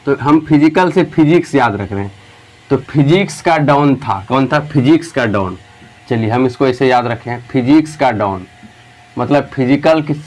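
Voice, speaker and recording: A young man teaching an exam-prep lesson, putting students' questions to himself and answering them, reassuring and casual. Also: a little high.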